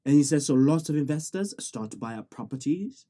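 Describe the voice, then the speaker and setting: A young adult student talks through a documentary in a loose, rambling way. The voice is mellow and soft-edged. The speaker keeps saying "sort of", restarts sentences and drops in joking asides. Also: medium pitch, animated, a little fast. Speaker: student about to graduate. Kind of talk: casual spoken summary of a documentary.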